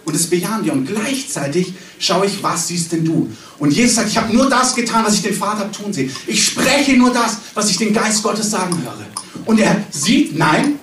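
A man's voice: sits high, very animated, normal speed, fairly bright tone. A man giving a charismatic sermon in an emphatic, conversational way, recorded by a distant mic in a hall. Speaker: preacher. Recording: echoey hall, distant mic, faint room noise.

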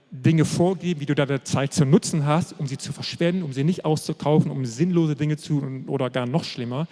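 A man preaching a sermon, emphatic and repetitive, slowing down to stress key phrases. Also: fairly high pitch, a little mellow. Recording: long hall reverb.

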